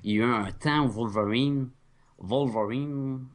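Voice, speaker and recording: A man's voice: mid-range voice, fairly quick. A man with a Québécois accent co-hosting a casual chat about comics and films, often tripping over names and joking about it. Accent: Québécois French. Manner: stumbling over names, self-mocking. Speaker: podcast co-host.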